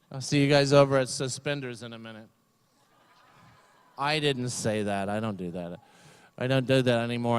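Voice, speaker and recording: A man's voice: medium pitch, clear, resonant tone. An older man giving a comedic commencement speech at a graduation ceremony, rambling and self-deprecating with many fillers. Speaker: commencement speaker.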